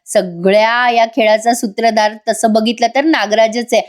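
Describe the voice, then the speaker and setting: A woman's voice: fairly high pitch, fairly even intonation, moderate pace. A young woman narrating a voice-over episode review in a chatty way, speaking straight to viewers. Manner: chatty, addresses viewers directly. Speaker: TV serial reviewer.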